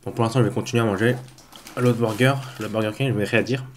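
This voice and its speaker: A man's voice: fairly low pitch, fairly even intonation, fast talker, slight background noise. A man with a stuffy, blocked-nose voice from a cold, chatting casually and a little hesitantly to camera as he hosts a food vlog at home. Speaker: host of a mukbang food review vlog.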